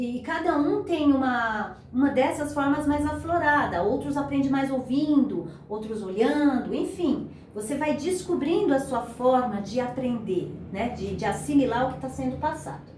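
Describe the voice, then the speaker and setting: Female guitar teacher, high voice, patient step-by-step delivery, roomy distant recording. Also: darkish tone, slight background noise. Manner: patient, explains step by step, counts beats aloud. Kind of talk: beginner guitar lesson. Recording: echoey room, voice a bit far from mic, guitar playing.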